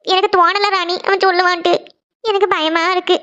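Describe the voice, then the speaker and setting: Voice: very high-pitched, flat delivery, pushed and bright. Cartoon role: anxious, sorrowful mother, voiced by a performer, sped-up chatter with a muffled lo-fi quality. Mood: worried. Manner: slow, anxious, sorrowful talk. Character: worried tearful mother, a woman's elder sister. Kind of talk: Tamil cartoon series dialogue.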